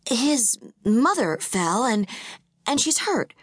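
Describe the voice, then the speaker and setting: A frantic, tearful young wife, as a woman narrator puts her on, her voice climbing high and breaking into urgent whispers. She pleads in a quick, breathless rush, close and dry to the mic. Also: expressive, dry recording.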